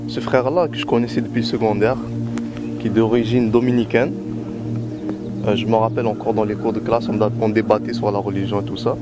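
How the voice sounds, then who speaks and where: A man's voice: lowish voice, little pitch movement, brisk, over loud music. A man from Algeria giving a personal testimony in an interview, talking hesitantly and often repeating words while he looks for his phrasing.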